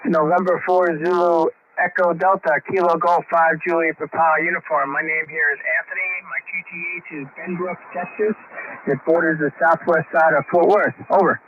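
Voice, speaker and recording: A man on a ham radio transmission, calling out call signs in the phonetic alphabet in a steady, measured way. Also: a little high. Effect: heard over a ham radio transmission. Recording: muffled radio audio with faint static.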